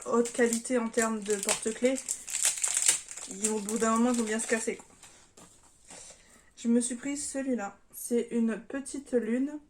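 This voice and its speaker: A French woman talks casually through an unboxing, her voice sitting a little high. She hesitates often and fills the pauses with small sounds as she goes. A faint noise runs underneath. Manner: chatty, hesitant with many fillers, self-deprecating. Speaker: vlogger.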